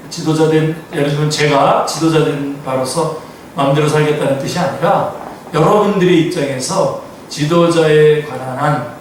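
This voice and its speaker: A man's voice: fairly high pitch, slight background noise. A man who is a pastor, reading scripture aloud and explaining it to his congregation in an afternoon Bible study, often asking them questions. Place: church sanctuary. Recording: echoey church hall, mic from far off.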